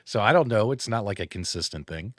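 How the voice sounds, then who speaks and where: A man's voice: on the low side, expressive, brisk, dry recording, studio quality. A man chatting casually on a live stream, rambling through a story and swearing now and then. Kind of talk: casual chat. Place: home in Arizona.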